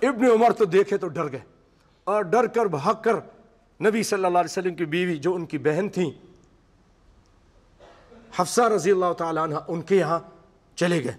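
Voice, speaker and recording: Speaking in a high voice with long pauses, a man delivers a sermon to a seated congregation in a mosque hall. He recites Arabic passages, then unpacks them with vivid stories. The sound is heavily echoed by long hall reverb.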